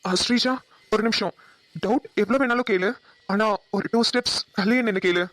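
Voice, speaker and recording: A woman voicing a patient young husband in a cartoon, speaking softly and apologetically. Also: mid-range voice, moderate pace, no room sound, lightly acted. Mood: pleading. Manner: soft, coaxing, apologetic. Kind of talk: cartoon voice acting.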